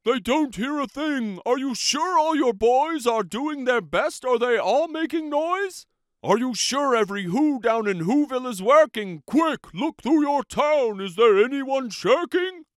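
A big, gentle elephant from a storybook, earnest and pleading, as a man puts him on. The voice sits very high and sounds smooth and clean. The recording is close and dry. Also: animated, a little slow, no echo. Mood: urgent.

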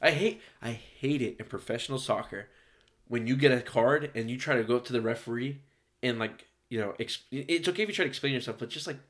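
A man hosting a podcast, telling a story in casual chat, animated and laughing, swearing often. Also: mid-range voice, brisk. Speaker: podcast host. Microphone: podcast mic.

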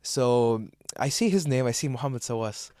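A young man from Saudi Arabia rambles through a casual podcast chat, tripping over restarts and breaking into laughter. His voice sits at an ordinary pitch. The sound is dry and close, with no room echo. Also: moderate pace, a little mellow. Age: young adult. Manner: rambling, laughs a lot, many fillers and restarts. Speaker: podcast co-host.

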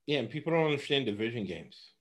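A man's voice: mid-range voice, lively intonation, fast talker. A man from Los Angeles giving casual sports betting picks, rambling and laughing often.

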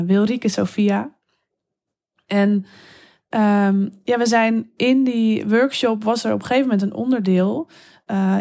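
A woman guest talking openly and eagerly in an interview, speeding up in quick bursts. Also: mid-range voice, creaky, darkish tone. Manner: open, enthusiastic, quick bursts with laughs. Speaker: guest telling erotic stories. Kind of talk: interview conversation.

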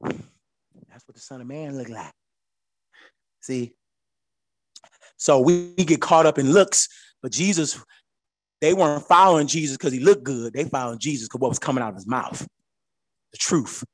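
A man leading a Bible study, animated, swinging between low asides and excited high peaks. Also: normal speed, long pauses, dry recording.

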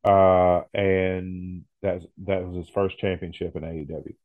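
A man's voice: deep voice, little pitch movement, a little slow, dry recording. A man co-hosting a podcast in casual chat, easygoing and agreeable, often restarting his sentences. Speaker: podcast co-host. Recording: muffled phone-like audio.

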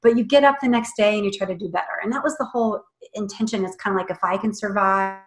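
A woman's voice: mid-range voice, quick pace. A woman guest on a podcast, chatting casually and animatedly about a book she wrote, laughing often. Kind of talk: casual chat. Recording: roomy echo.

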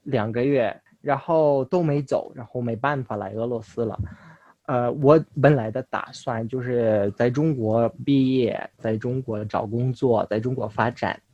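A young man from Russia, a native Russian speaker, talks casually as an interview guest in foreign-accented Mandarin, halting and correcting himself. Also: mid-range voice, darkish tone, no room sound, lo-fi sound. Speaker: interview guest, language learner.

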